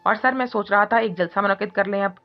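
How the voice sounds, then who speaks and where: A woman's voice: mid-range voice, fast, close to an everyday voice. A woman voicing a deferential male aide who answers his boss politely. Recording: muffled recording with soft music.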